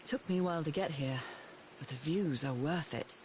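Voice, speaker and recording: An actress voicing a curious young woman explorer in a game, with a thoughtful, quietly wondering way of talking. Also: low-pitched, normal speed, slight background noise, close to an everyday voice, rough recording. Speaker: game protagonist.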